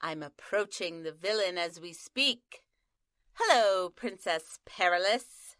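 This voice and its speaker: A woman's voice: on the low side, expressive, slow, fairly bright tone, no echo. A woman voicing a melodramatic on-scene news reporter, narrating the action as it happens. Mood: dramatic. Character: breathless female news reporter.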